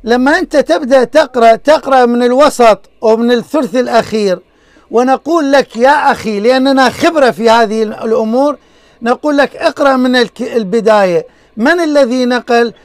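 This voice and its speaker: A man hosting a call-in debate, pleading and repeating himself to calm a heated guest. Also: very high-pitched, fairly quick, no room sound. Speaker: debate show host.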